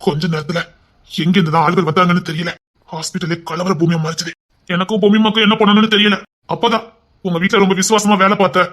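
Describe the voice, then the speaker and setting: A man telling a dramatic serial story aloud, voicing every character himself and rising into emotional high lines. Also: a bit bright.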